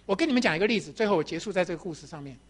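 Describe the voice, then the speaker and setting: A woman's voice: lowish voice, lively intonation, rapid-fire, slightly rough. A woman preaching a sermon, telling a story with rhetorical questions and acting out the voices in it.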